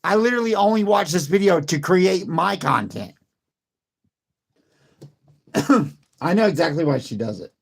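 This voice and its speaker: A hoarse man who has lost his voice, coughing and talking defensively in casual chat, repeating his points. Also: high-pitched, animated, moderate pace, pauses often. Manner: repetitive, defensive.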